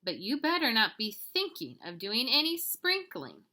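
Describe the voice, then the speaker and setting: Woman acting a firm, bright-voiced mother cat. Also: fairly high pitch, wildly swooping pitch, a little slow, pitched above the performer's own voice, full character voice. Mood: indulgent warning. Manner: firm, scolding.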